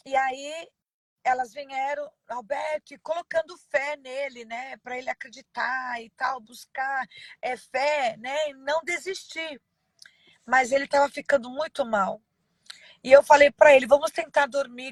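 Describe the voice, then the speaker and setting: A woman pastor giving a personal testimony in an interview, halting and emotional with many pauses and fillers. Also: high-pitched, dry recording, poor audio.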